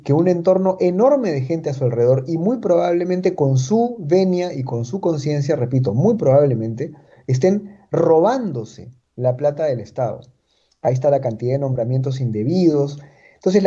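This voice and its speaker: The voice is a little high and mellow, with a breathy edge and the highs cut off. It belongs to a political analyst from Chiclayo, Peru, interviewed and speaking with a Peruvian Spanish accent. He's emphatic, says things more than once, and ends points with rhetorical questions.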